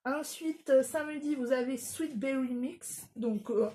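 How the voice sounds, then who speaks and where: A woman's voice: high voice, unhurried, warm tone, a little hiss or hum. A woman vlogger chatting casually through a shopping haul, hesitant, with lots of fillers and self-corrections, joking about her poor English. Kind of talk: casual haul video chat.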